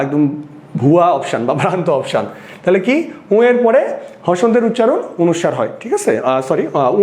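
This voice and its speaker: High-voiced Bangladeshi teacher in an echoey room. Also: male voice, darkish tone. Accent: Bangladeshi Bengali. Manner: asks the class questions and answers them himself. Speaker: exam prep teacher. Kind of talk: recorded lecture.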